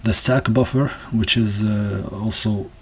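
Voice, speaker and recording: A man explaining a textbook's ideas in a casual unscripted talk, halting often with restarts and fillers and sometimes laughing nervously. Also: lowish voice, fairly even intonation, slight background noise. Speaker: presenter discussing a textbook.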